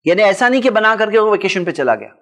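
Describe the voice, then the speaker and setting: A man's voice: high-pitched, very animated, quick pace, fairly bright tone. A man giving a religious talk and answering audience questions, explaining his points through lists of examples.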